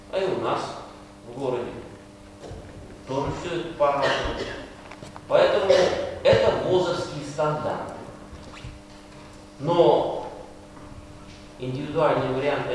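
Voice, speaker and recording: An older man lecturing medical students at a university in a wry, conversational way, often putting rhetorical questions to them. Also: a little high. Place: large lecture room, recorded from far off. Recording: very echoey hall, distant mic, loud noise.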